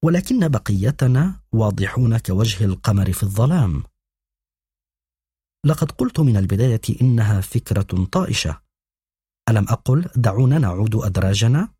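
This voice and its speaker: Male narrator as a whiny, fearful storybook boy, husky. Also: lowish voice, very animated, normal speed, long pauses, dark tone, no room sound, studio quality. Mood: whining. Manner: whining. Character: anxious complaining boy.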